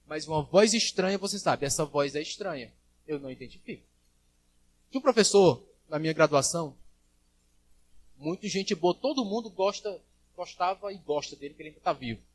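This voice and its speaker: A man preaches to his congregation in a fairly high voice. He rises to loud, ringing calls and drops to low, quiet asides. He acts out the voices of the people he quotes. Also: expressive, brisk. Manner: preaching with big swings in loudness, acting out quoted voices. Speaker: pastor. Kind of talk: sermon. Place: church service.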